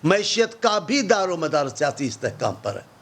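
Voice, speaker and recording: A man's voice: fairly high pitch, big pitch swings, vocal fry, breathy edge. A man speaking as an opposition politician in a TV political debate, impassioned and sarcastic, firing off rhetorical questions. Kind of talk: political talk show debate.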